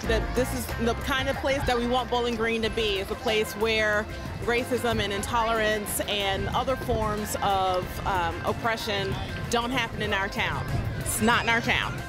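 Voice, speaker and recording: A woman speaking in a measured, earnest way in a documentary interview, outdoors on a town street. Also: fairly high pitch, steady tone, over loud music, over a noisy crowd. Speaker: associate professor.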